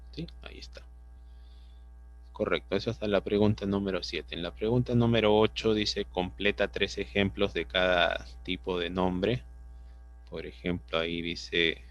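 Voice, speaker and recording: The audio is dull and lo-fi, captured by a computer mic on a video call. A man with a deep voice, vocal fry, and a Peruvian Spanish accent patiently teaches an online class, often using tag questions to make sure he is understood.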